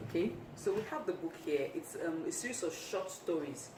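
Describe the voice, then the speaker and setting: Woman host introducing someone, low-ish voice, chatty and loose, echoey room, mic kinda far. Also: animated, brisk, noisy background. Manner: loose, chatty, with many fillers. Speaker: event host. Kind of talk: casual event introduction.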